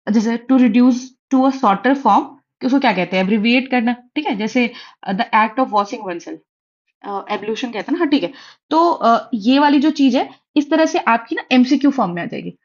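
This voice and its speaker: Young woman tutor, casual and chatty, code-switching, higher pitch, muffled recording. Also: lively intonation, normal speed, a little mellow. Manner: chatty, mixes English into Hindi, fillers. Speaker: exam prep tutor. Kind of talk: casual study-advice talk. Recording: dull lo-fi audio.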